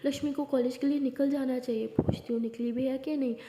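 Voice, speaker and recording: A woman's voice: high-pitched, fairly even intonation, fast talker, mellow, natural voice. A woman voicing a caring but bossy young female athlete who scolds and dotes on her partner, in a roomy hall. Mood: doting. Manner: scolding yet doting.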